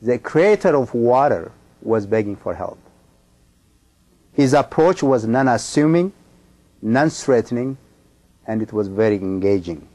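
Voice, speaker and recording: A middle-aged man from Ethiopia delivers a sermon. He speaks in a measured, emphatic way, with frequent pauses and ums between thoughts. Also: medium pitch, lively intonation, mellow. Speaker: pastor.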